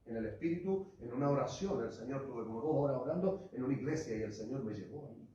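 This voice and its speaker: A man preaching a sermon as pastor, passionate, rising to loud cries and dropping to low asides, calling his listeners brother and church. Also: lively intonation, fast talker. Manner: addresses the congregation as "hermano" and "iglesia". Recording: echoey hall, voice far from the mic, muffled.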